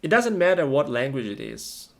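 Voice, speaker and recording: Co-hosting a conversational English lesson, this man has a slightly high, somewhat bright voice with big swings in pitch and a moderate pace. He works through questions and answers for learners in short, plain, simple sentences.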